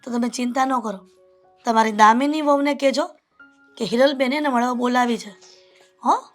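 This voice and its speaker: A woman playing a concerned neighbour who speaks earnestly and gently reproaches her friend. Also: fairly high pitch, moderate pace, soft background music, close to an everyday voice. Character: concerned neighbour woman visiting an old lady.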